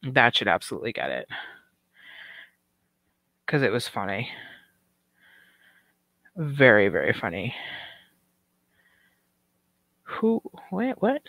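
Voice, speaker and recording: A woman's voice: very deep voice, huge pitch swings, slow pace, creaky, pauses often, a bit bright, no room sound. A middle-aged woman hosting a casual livestream, rambling and swearing with lots of fillers while chatting with viewers, and she has the hiccups. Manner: rambling and profane, with many "um" and "like" fillers. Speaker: livestream commentary host. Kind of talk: casual livestream chat, reading viewer comments.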